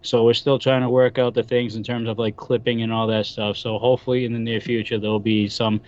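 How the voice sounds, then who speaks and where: A man's voice: medium pitch, level tone, a little fast, darkish tone, highs cut off. A man with a Boston accent, chatting casually as a guest podcaster. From Boston area, USA. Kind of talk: casual chat.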